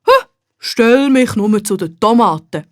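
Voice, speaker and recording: Storybook gnome, male, cheerful, slow and deep, put on by a Swiss German woman. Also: animated, no echo, studio quality. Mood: content. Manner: slow, deep-toned, contented. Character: cheerful talkative male garden gnome, unhurried. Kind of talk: children's storybook reading.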